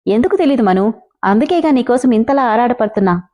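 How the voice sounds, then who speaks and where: A woman's voice: fairly high pitch, lively intonation, a little fast, warm tone, lightly acted. A woman reading as Ram, a taunting possessive young man. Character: obsessive young man, menacing and mocking.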